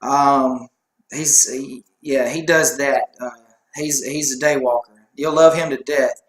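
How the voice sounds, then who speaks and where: A man's voice: mid-range voice, steady tone, slow. A man co-hosting a casual sports chat show, rambling and joking at his own expense. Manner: rambling, joking, self-deprecating. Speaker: co-host. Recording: echoey room.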